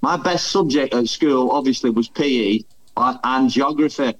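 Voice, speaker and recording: A man's voice: medium pitch, normal speed. Ex-footballer guy chatting on a podcast, laughs easy, mid voice, kinda muffled sound. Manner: chatty, laughs easily, thinks aloud. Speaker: guest, former footballer. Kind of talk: casual chat.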